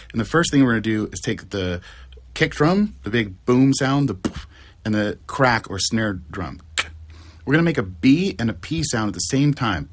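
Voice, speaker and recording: A man who teaches music, giving a casual video lesson in a slangy, relaxed way with a bit of swearing. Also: mid-range voice, slight background noise.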